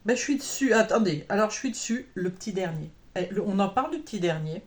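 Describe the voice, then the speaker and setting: A chatty woman, talking casually to her viewers. She rambles and corrects herself often, filling pauses with little hesitations. Her voice sits at an ordinary pitch for a woman. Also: expressive. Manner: chatty, rambling, many fillers and self-corrections. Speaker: cross-stitch vlogger. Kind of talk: casual chat to camera.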